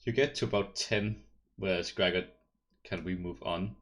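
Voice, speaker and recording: A man running a tabletop game as game master, relaxed and matter-of-fact. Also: deep voice, normal speed.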